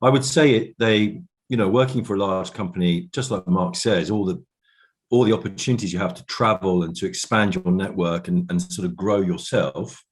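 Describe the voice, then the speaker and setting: Low-voiced man, reflective interview guest. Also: normal speed. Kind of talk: casual reflective interview chat.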